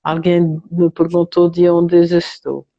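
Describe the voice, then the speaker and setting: An older woman from France, a guest on a live video interview, recalling her story slowly and with hesitations. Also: lowish voice, completely flat delivery, muffled recording. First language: French. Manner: slow, hesitant and reflective. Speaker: guest therapist.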